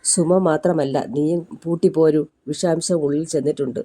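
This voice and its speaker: A woman's voice: deep voice, fairly even intonation, normal speed, warm tone. A woman voicing a blunt middle-aged male doctor who talks in a matter-of-fact way.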